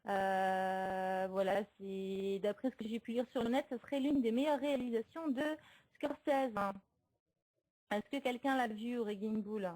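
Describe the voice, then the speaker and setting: A woman's voice: on the high side, moderate pace, warm tone, rough recording. A woman hosting a casual livestream about films, chatty and hesitant with many fillers, laughing often and answering viewer comments. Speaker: streamer hosting a movie chat.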